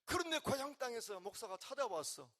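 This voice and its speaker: An older man, a pastor from the region, preaching, swinging between quiet, emotional talk and loud calls to the congregation. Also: extremely high pitch, sing-song, fairly quick. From Gyeongsang region, Korea. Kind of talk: sermon.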